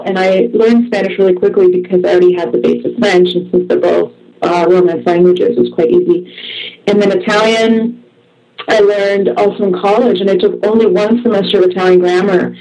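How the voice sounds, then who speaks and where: An author born in the former Soviet Union and raised in the US, a Russian speaker, answers interview questions as a guest, telling stories in an eager, chatty way full of fillers. Her mid-range voice holds a steady tone at a moderate pace. The recording is rough, with a crowd audible in the background.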